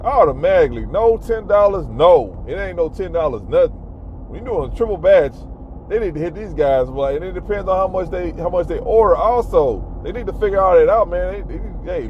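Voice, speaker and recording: A man vlogging casual advice to fellow delivery shoppers, talking emphatically and repeating himself to drive his points home. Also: on the high side. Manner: emphatic, repetitive, advising viewers directly. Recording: tinny phone-like audio with faint car noise.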